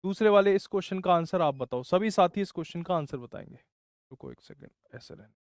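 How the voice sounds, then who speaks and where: A man teaching maths online speaks in a high, smooth, clear voice with lively intonation and a brisk pace. He works through each step, scolds students who get stuck, and often says "bhai." The sound is dry and close, without echo.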